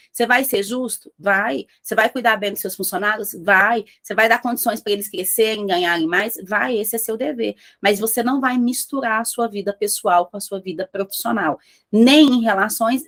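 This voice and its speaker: A woman's voice: fairly high pitch, fairly bright tone. A woman mentoring business owners, speaking with emphasis and firing rhetorical questions at her listeners. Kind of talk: motivational talk to entrepreneurs.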